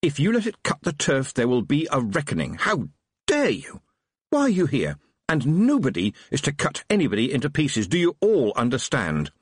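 A man voicing a young witch girl with a sharp, bossy, schoolteacherly manner. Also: on the high side, wildly swooping pitch, a little fast, dry recording, clean studio sound, pitched above the performer's own voice. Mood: commanding.

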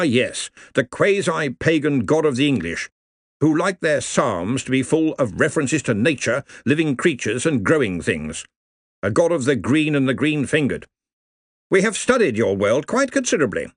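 A bluff, commanding old wizard who runs a university, as a man puts him on. He speaks in a pompous, hearty manner with a lively lilt. The sound is dry and close. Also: on the high side, moderate pace, slightly rough, dry recording, pitched above the performer's own voice.

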